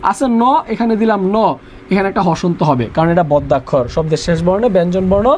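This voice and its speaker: A man's voice: high voice, expressive, fast, darkish tone, a little hiss or hum. A young man teaching an online revision class, repeating rules and quizzing his students.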